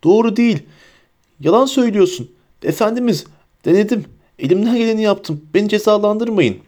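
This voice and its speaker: A man's voice: sing-song, moderate pace, warm tone, lightly acted. A man reading a story aloud, voicing a cruel, fanatical female witch who taunts and shrieks. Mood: frantic. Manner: taunting, mocking, high and shrill.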